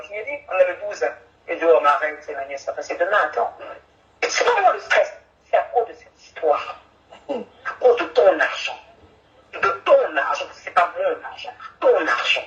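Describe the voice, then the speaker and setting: A woman's voice: mid-range voice, a bit bright, muffled recording, pitched below the performer's own voice. A woman voicing a defensive woman who bickers with her partner, in a comic dub. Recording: echoey room, from far off.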